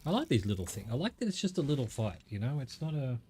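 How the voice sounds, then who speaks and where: A man's voice: medium pitch, sing-song, quick pace, dark tone, a little hiss or hum. A man gives casual gameplay commentary in a wry, sweary way, talking back to the game. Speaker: gamer commentating on own play.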